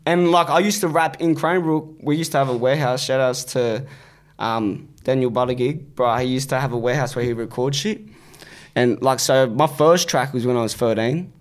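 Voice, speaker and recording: Man, Australian accent, medium pitch, casual chat, blunt, animated, slang-heavy, sweary. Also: normal speed. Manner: blunt, animated storytelling with repeated "bro" and "like". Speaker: interview guest, rapper.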